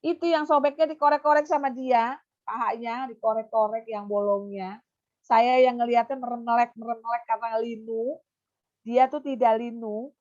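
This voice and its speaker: A woman consultant and behaviour therapist giving an animated webinar talk, now and then putting on a high coaxing voice to show how to talk to a child. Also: moderate pace. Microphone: webinar computer mic. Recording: muffled online webinar audio.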